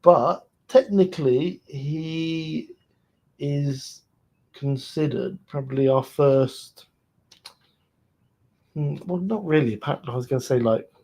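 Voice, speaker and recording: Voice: mid-range voice, slow pace, pauses often, warm tone. A co-host casually chatting about a show, often trailing off and restarting sentences. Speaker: podcast co-host. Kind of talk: casual fan recap chat.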